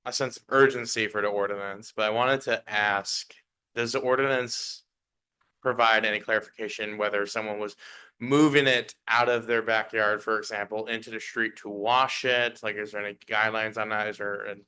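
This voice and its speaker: A man's voice: fairly low pitch, steady tone, moderate pace, bright, forceful tone, smooth, rough recording. A man giving polite, earnest public comment at a council meeting, using many 'like' fillers. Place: council chamber podium.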